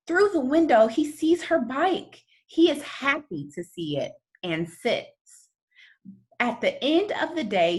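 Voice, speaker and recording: Slightly high-voiced, a woman plays storyteller as she reads a children's story aloud. She phrases things expressively and deliberately, with dramatic emphasis throughout.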